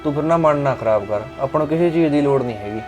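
A young man plays a Punjabi husband who soothes his upset wife. He talks fast and reassuringly, with music running under his lines. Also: fairly high pitch, animated, natural voice. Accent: Indian Punjabi. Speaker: husband in a family drama. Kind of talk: village web drama acting. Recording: background music under dialogue.

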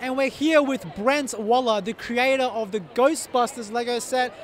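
A man's voice: very high-pitched, normal speed. A young man, presenting cheerfully on location at an expo with a handheld mic. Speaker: event show presenter. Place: outdoor and indoor expo hall, crowd around.

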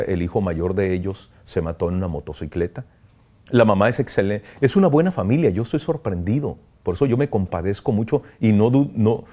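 A man, a priest giving an emotional interview, speaking earnestly and haltingly, often pausing to reflect. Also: lowish voice, warm tone. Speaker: priest, kidnapping survivor interviewee.

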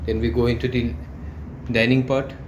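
Male tour narrator from India, halting and plain, recorded on a phone in a bare echoey flat with loud background hum. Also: medium pitch. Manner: plain, halting, pointing things out as he walks. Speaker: property tour guide. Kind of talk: walkthrough narration. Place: empty furnished flat, indoors. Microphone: handheld phone camera. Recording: echoey room with loud air-con and traffic hum.

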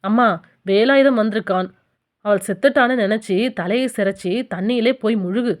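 A woman voicing an angry middle-aged orthodox man in an audiobook, loud, sharp and scolding. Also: mid-range voice, normal speed, close to an everyday voice. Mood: stern. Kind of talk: audiobook character voice.

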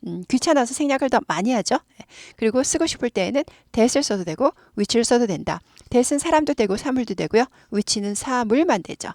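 A woman's voice: a little high, expressive, moderate pace, few pauses, darkish tone, dry recording, clean studio sound. A woman teaching English grammar in Korean, explaining patiently and repeating phrases again and again for students to copy. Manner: patient, repeats words many times for practice. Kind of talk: explaining grammar and leading repeat-after-me drills.

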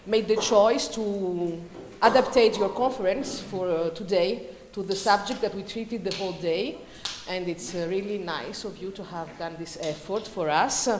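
A woman's voice: mid-range voice, darkish tone. Woman with a French accent in a reverberant hall. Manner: hesitant, many fillers, halting in English. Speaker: conference organizer. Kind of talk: formal introduction to a lecture. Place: large lecture hall. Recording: roomy hall with long reverb, faint noise.

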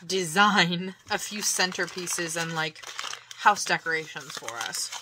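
A woman with a fairly low voice talks casually to her viewers, rambling along with fillers and quick laughs. She sometimes slips into soft, breathy asides. A clear layer of background noise runs under her home recording. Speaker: vlogger showing a shopping haul. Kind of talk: casual chat to camera.

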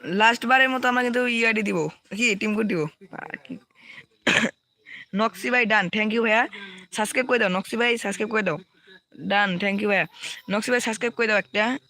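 A man's voice: high voice, a little fast, long pauses, bright, forceful tone, no room sound. A young man with a Bangladeshi Bengali accent, hosting a live gaming stream, reading out viewer names and repeating team codes.

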